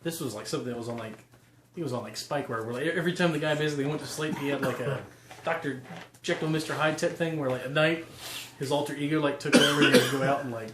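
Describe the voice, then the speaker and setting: Fast-rambling man running a tabletop game. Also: fairly high pitch, fairly even intonation. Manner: rambling, quick, full of fillers. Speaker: game master. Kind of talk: narrating a tabletop game session. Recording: echoey room, noisy, casual mic.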